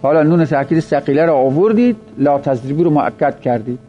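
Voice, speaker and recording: A man's voice: fairly high pitch, expressive, lo-fi sound, faint music behind. A man teaching a traditional Arabic grammar lesson, drilling word forms aloud and asking himself questions before answering them. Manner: explains step by step, repeating word forms aloud.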